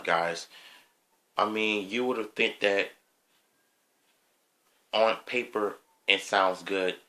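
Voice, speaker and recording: A man speaks slowly and haltingly in an opinion vlog, stopping often for ums and to clear his throat. His voice sits a little low, yet its tone is bright and forward. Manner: slow, hesitant, with frequent ums and throat clearing. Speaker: vlogger.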